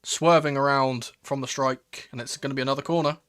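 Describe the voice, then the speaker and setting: A man hosting a live football watchalong, calling the play in a casual, excitable fan's manner. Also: mid-range voice, fast. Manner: excitable, swearing, shifting from murmured play-by-play to raised exclamations. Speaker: host of a football watchalong stream. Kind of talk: live football commentary with casual fan reactions.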